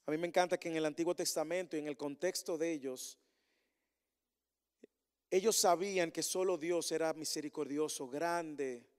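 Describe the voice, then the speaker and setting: A man preaching a sermon as pastor to his congregation, with insistent repeated refrains and questions, swinging between emphatic calls and soft, earnest asides. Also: on the high side, steady tone, normal speed, clear, resonant tone. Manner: repetitive rhetorical refrains and direct questions to the congregation. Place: church meeting hall with a congregation. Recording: long hall reverb.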